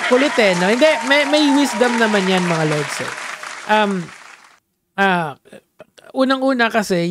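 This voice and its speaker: With a high voice and Filipino accent, a young commentary vlogger from the Philippines riffs playfully in a blend of Tagalog and English, often using fillers, restarting sentences and yelling "Hey!". Background noise is present.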